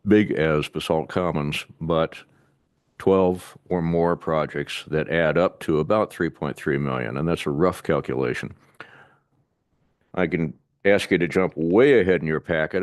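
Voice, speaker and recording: Very deep-voiced man giving a measured briefing. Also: dry recording, clean studio sound. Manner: measured and methodical, with occasional halting restarts. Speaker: city staff presenter to an urban renewal board. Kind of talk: explanatory briefing at a public board meeting. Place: city board meeting room.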